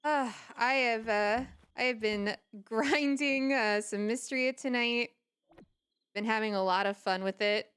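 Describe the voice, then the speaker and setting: A woman's voice: fairly high pitch, unhurried, fairly bright tone, clear, resonant tone. A woman livestreamer with a bubbly, gushing manner, chatting casually during a cozy game stream. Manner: bubbly, gushing when thanking viewers.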